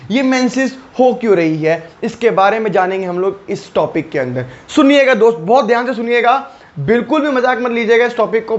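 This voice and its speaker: A man with a very high voice gives an online biology lesson in a chatty, informal way. He keeps firing questions at his students and answers them himself. The recording sounds dull and lo-fi. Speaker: biology teacher. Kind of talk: online lecture.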